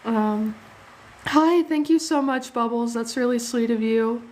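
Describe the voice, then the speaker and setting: Her voice leans high and a little mellow as this young woman hosts a live art stream, steady in tone and a touch slow. She chats casually while drawing, thanks viewers, laughs easily, and sounds slightly sniffly from a cold.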